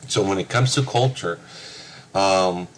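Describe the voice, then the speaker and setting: A man's voice: low-pitched, a little slow, a little hiss or hum. A man in his fifties from Hawaii, giving a recorded class reflection with many hesitant filler sounds. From United States (Hawaii). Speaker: graduate student.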